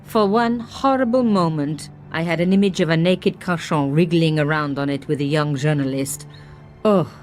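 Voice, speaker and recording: A woman's voice: low-pitched, normal speed, a little mellow, soft background music, natural voice. Woman voicing wry young sleuth journalist. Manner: dry, self-mocking asides. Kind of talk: game voice-over narration.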